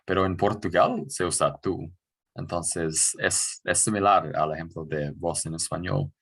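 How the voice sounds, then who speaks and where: A man's voice: low-pitched, fairly even intonation, a little slow, creaky, fairly bright tone, slightly rough. A man from New Zealand who speaks natively, hosting the talk and asking careful questions with small hesitations. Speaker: host. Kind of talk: casual interview.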